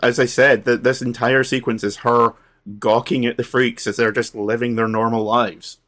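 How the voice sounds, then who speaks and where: Man, podcast co-host, casual film chat, halting, frequent ums, laughs often. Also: medium pitch, level tone, fairly bright tone.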